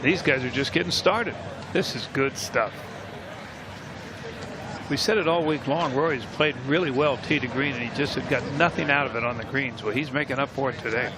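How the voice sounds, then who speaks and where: A man's voice: mid-range voice, fast talker, few pauses. A man giving casual live golf commentary with folksy, plain-spoken reactions to each shot. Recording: loud crowd and outdoor broadcast noise. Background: crowd and outdoor noise.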